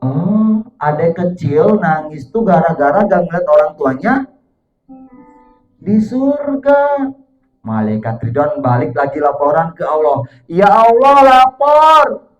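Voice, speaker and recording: A man tells a religious story to young pupils in a lively, dramatic storyteller's voice. His voice echoes around the room, and faint music plays underneath. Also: a little high, a little slow, long pauses, dull audio. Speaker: children's storyteller.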